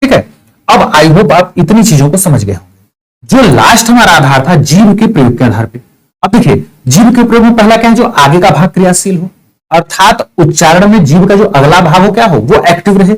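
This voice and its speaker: A man's voice: high voice, big pitch swings, normal speed, low-quality recording. A male teacher with a slightly raised voice and an eastern Uttar Pradesh Hindi accent. He walks through a grammar lesson step by step, asking questions and answering them himself. He stretches out vowel sounds to show how they are said. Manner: explains step by step, asks and answers his own questions, draws out vowel sounds.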